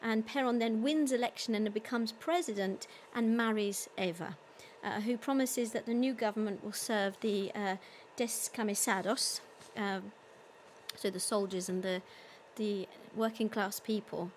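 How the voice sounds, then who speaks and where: A woman's voice: medium pitch, steady tone, unhurried, a little hiss or hum. A woman hosting her own live concert stream, chatting casually with many ums and reading out viewer comments. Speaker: concert host and singer.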